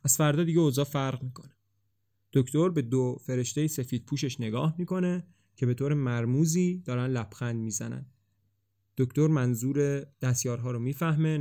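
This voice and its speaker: Male storybook narrator with an even, measured delivery. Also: medium pitch. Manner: steady, measured reading. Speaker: audiobook narrator.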